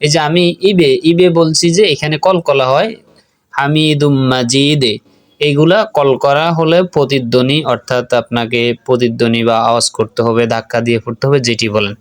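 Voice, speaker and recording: Man, prayer lesson, measured drawn-out reciting, smooth clear voice, mid pitch, dry close sound. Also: fairly even intonation, dry recording. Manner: slow drawn-out recitation alternating with quick explanation. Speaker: religious teacher.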